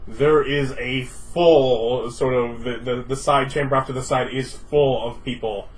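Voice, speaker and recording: A man improvising narration as game master, in a conversational, halting way. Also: mid-range voice, steady tone. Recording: distant mic with faint room noise.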